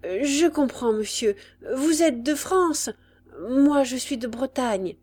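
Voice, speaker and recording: A woman's voice: high voice, lively intonation, slow, a little mellow, voice pushed up, full character voice. A woman voicing a frightened, ragged young peasant mother who answers hesitantly. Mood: timid. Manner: timid, hesitant replies.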